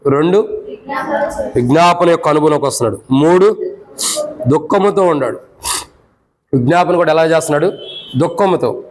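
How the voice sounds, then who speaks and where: Male preacher, Telugu accent, fairly high voice, call-and-response teaching, climbs high when emotional. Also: moderate pace, pauses often, darkish tone, poor audio. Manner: teaching by call-and-response questions, numbered points; rises sharply in pitch when voicing the lament. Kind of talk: church prayer meeting sermon.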